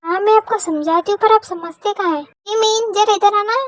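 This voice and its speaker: A woman with an extremely high, childlike voice performs every part of a homemade fan audio drama herself. She switches quickly between roles in snappy, bickering dialogue. The recording is completely dry. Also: dry recording.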